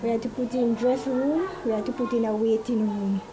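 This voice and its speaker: A woman's voice: fairly high pitch, fairly even intonation, a little fast, noisy background. A woman preschool administrator answering a news interview in a plain, conversational way.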